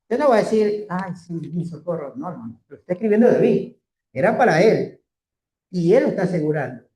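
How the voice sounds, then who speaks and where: A Torah teacher leads a scripture class in a very animated, mid-range voice with a dark tone. He often asks the class rhetorical questions and stretches out key phrases with slow, drawn-out emphasis. The recording has a roomy echo.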